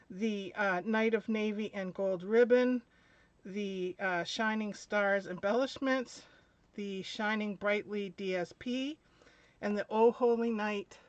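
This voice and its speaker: A middle-aged woman hosting a live craft product demo, chatty and a little out of breath, laughing between pauses. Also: mid-range voice, no room sound. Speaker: craft demonstrator. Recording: dull lo-fi live stream audio.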